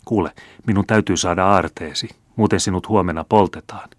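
A man's voice: deep voice, no room sound, studio quality. A male narrator voicing a greedy old man who pleads urgently and obsessively for gold. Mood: grasping.

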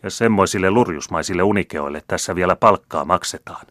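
A man voicing a proud, scheming count, the elder son, smooth and commanding. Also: sits low, a bit bright, no echo, studio quality. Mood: scolding.

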